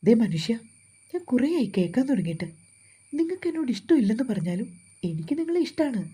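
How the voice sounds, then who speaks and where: A woman voicing a lively young woman who teases and pleads playfully, in a storybook reading. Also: on the high side, a little fast, slightly rough, heavily acted. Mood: pleading. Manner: playful, teasing, pert.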